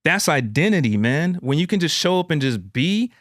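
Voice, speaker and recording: A man's voice: a little high, sing-song, normal speed, no room sound, clean studio sound. A man hosting a podcast, telling a heartfelt personal story in an earnest, emphatic way and calling the listener "man" and "bro". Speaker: podcast host.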